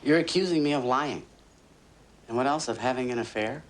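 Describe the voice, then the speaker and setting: An actor playing a defensive, indignant husband denying an accusation, heard from a worn tape copy of a film. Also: male voice, medium pitch, a little fast, low-quality recording. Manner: indignant, swinging from scoffing to insistent.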